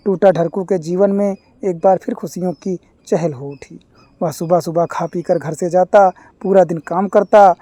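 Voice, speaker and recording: A narrator telling a story at a measured pace, in a formal style with reflective asides. The voice is warm and mellow, and the recording is dry and close. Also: medium pitch, dry recording.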